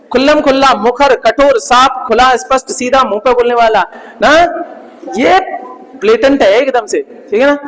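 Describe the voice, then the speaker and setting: High-pitched male teacher, reverberant hall. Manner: repeats words and checks with "ठीक है ना?". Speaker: English vocabulary teacher. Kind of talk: Hindi-English vocabulary lesson.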